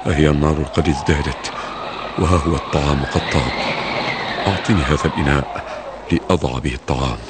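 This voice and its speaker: An actor playing a humble, gentle caliph who speaks softly and gravely in a radio drama. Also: male voice, a bass voice. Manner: soft-spoken, measured, grave. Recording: noisy old radio recording.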